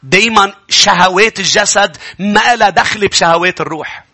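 A male pastor with a Lebanese accent preaching a sermon, swinging between low earnest tones and high emphatic bursts. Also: brisk, pushed and bright.

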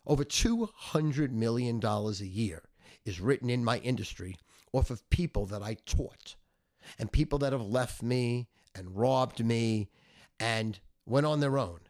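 A middle-aged or older man ranting a sales pitch as a sports betting handicapper, smug, cocky, brash and foul-mouthed, with heavy emphasis. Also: measured pace, a little mellow.

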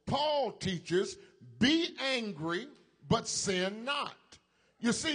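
A man's voice: high-pitched, a bit bright. A male preacher delivering a sermon in an emphatic preaching style, calling on the congregation to repeat after him. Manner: slow, emphatic preaching with call-and-response to the congregation.

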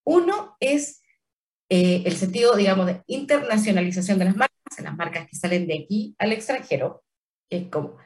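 A woman's voice: medium pitch, expressive, moderate pace, a little mellow, distant mic. Chilean woman explaining, slightly off-mic. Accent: Chilean Spanish. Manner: careful, many fillers and restarts. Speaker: trademark office official. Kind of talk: explanatory interview answers.

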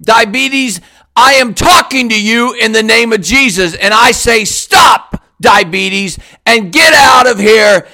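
Male, very high voice, slow and bright, commanding prayer declarations. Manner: commanding, forceful, repetitive declarations.

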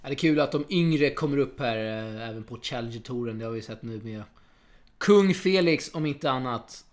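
Male podcast host, chatty, quick asides, mid-pitched voice. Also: lively intonation. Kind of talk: casual tennis podcast chat.

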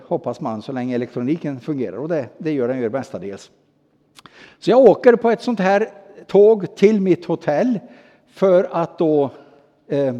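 A man's voice: fairly high pitch, warm tone, long reverb tail. A man preaching a sermon, telling a personal story with frequent hesitations and acted-out dialogue. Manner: personal anecdote told with hesitations and quoted dialogue.

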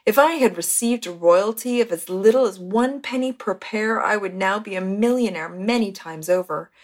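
A woman narrating a first-person memoir as an audiobook in a measured, steady storytelling manner. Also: mid-range voice. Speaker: audiobook reader.

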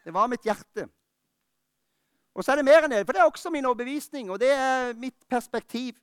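A high-voiced man preaches with fervour, pressing hard and then easing into close, personal words. His tone is smooth and resonant, and the sound is dry and close to the mic, with little room around it. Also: dry recording. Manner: fervent preaching that drops to quiet, intimate talk. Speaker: pastor. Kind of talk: sermon. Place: church.

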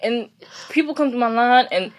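A young woman with a fairly high voice rants in a relaxed, casual chat. Her pitch leaps around a lot as she mocks and swears sarcastically. She sounds blunt and unfiltered. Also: moderate pace, very noisy. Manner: sarcastic, ranting, swears freely. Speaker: podcast co-host.

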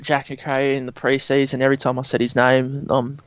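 A man's voice: mid-range voice, completely flat delivery, fairly quick, muffled recording. An Australian man giving opinions in casual sports podcast chat. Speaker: podcast panellist.

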